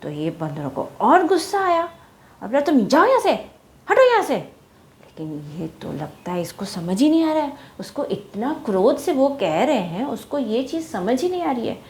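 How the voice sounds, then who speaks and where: Animated woman telling a kids' story. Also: a little high, moderate pace. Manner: animated, asks children questions. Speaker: children's storyteller. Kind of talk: storytelling to children.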